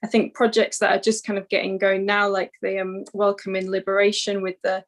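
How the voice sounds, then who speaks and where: Enthusiastic woman on a panel, monotone delivery, plenty of "um"s. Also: medium pitch, brisk. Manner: enthusiastic, rambling with fillers. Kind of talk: panel discussion.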